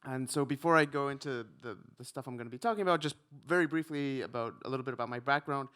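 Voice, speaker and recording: A man from Ecuador, likely in his thirties, giving a relaxed conference talk with frequent ums and a self-deprecating touch. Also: medium pitch, quick pace, clear, resonant tone. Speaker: conference speaker, researcher.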